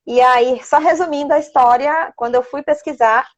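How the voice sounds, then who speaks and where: Slightly muffled, lo-fi audio captures a thirty-something child psychologist being interviewed in a relaxed, conversational setting. With a Bahian Brazilian Portuguese accent and a fairly high voice at a moderate pace, she's chatty, quick to laugh, and fond of checking with "né".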